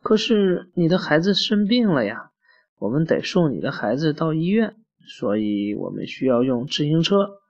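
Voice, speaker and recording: A man's voice: a little high, sing-song, normal speed, darkish tone. A man voicing an eager little boy in a storybook who keeps coming up with schemes. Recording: muffled lo-fi recording.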